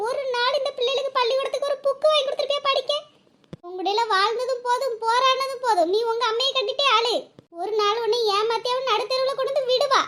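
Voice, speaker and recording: Woman voicing a fierce young cartoon wife, very high voice, fast talk. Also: background noise. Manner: fierce, scolding, then tender with her children. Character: defiant wronged young wife and mother. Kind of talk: cartoon voice acting.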